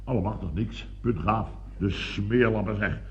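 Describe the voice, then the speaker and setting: A man's voice: mid-range voice, expressive, normal speed, fairly bright tone, muffled recording. An actor playing a fussy, pompous rich businessman in a radio comedy, blustering and exclaiming. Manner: blustering, exclamatory, self-mocking.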